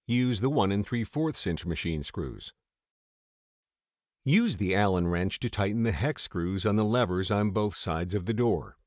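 Low, dry-voiced man narrating a how-to. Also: no room sound. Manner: steady, measured reading of steps. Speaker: tutorial narrator. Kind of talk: scripted instructional voice-over.

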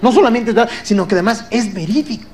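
A man with a Mexican accent doing live stand-up comedy, teasing the audience and breaking into shouted impressions. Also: sits high, quick pace. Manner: rowdy, teasing crowd work, bursts of shouted impressions. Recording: live show with loud crowd and noise. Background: loud audience laughter.

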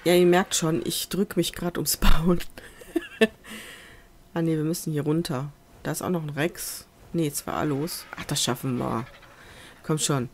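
A woman at her computer at home, talking through a survival game in relaxed, rambling commentary. She mutters to herself and coaxes the animals on screen, speaking into a USB desk microphone. A faint hum of noise sits behind her voice. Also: low-pitched, measured pace. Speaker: let's play gamer. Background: faint festival noise from outside.

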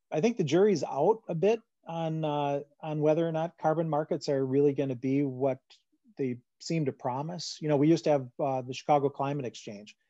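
A Midwestern man fields questions on a video call, his voice mellow and dark and the sound dry and close. The audio is dull and lo-fi, like a computer microphone. He talks in a loose conversational way, full of fillers and restarts. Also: medium pitch, no room sound. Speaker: farm finance presenter. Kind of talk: answering audience questions in a webinar. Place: home room on a video call.

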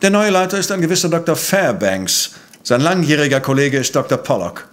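Actor as high-voiced, pompous Professor Van Dusen. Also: male voice, lively intonation, brisk, lightly acted. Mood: analytical, assured. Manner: precise, pompous, analytical. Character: exacting, self-assured male professor and amateur sleuth. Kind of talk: German audio drama acting.

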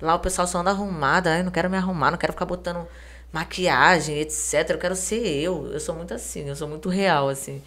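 A woman's voice: fairly low pitch, steady tone, fast, a bit bright. A woman guest on a podcast, casually telling a story in a chatty, slangy way and acting out the quoted dialogue. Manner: heavy slang and fillers.

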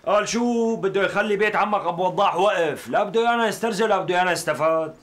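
A man's voice: sits high, fast talker, a bit bright. An actor playing a worried Damascene man pleading with his cousin in a TV period drama. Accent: Damascene Arabic. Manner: anxious, pleading.

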